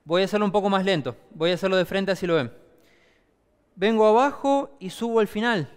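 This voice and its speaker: A man with an Argentine Spanish accent teaches a table tennis clinic as a demonstration class, explaining through many rhetorical questions. His voice sits high, clear and resonant, fairly quick, with a long reverb tail.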